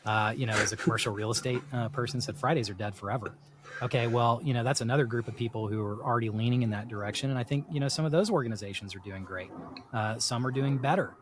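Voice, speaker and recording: Amid background noise, a middle-aged South Texas man speaks quickly in a mid-range voice during a casual podcast discussion. He rambles through ideas reflectively, repeatedly saying "you know."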